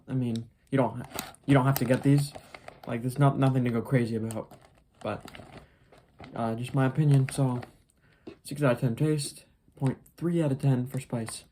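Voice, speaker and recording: A food review host chatting casually in a low-key, hesitant, unhurried way. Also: warm tone, a little hiss or hum. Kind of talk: casual snack review chat.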